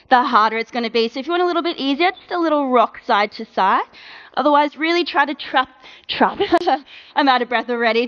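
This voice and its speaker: Upbeat woman workout coach, higher voice, dull lo-fi recording, counts down reps. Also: a bit bright. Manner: encouraging, brisk coaching with countdowns. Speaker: fitness instructor. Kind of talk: live workout cueing.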